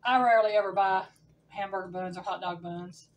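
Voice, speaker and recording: A woman's voice: mid-range voice, fairly even intonation, brisk. Woman, chatty home cook, distant mic, faint room noise. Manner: folksy, chatty, says "y'all" to viewers. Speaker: home cooking channel host. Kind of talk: casual cooking demonstration. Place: home kitchen.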